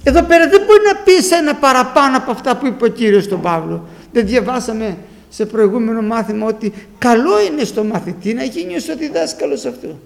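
A man preaching a sermon, telling stories with quoted exchanges and swinging from hushed asides to loud emphasis. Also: extremely high pitch, lively intonation, creaky.

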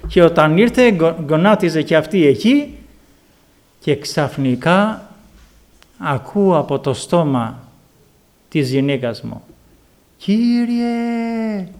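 Man, preacher, fervent sermon, slightly high voice, loud exclamations and hushed storytelling. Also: expressive, pauses often. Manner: fervent, repeated hallelujahs and calls to the congregation; swings between loud exclamations and quiet storytelling. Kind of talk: sermon with personal testimony.

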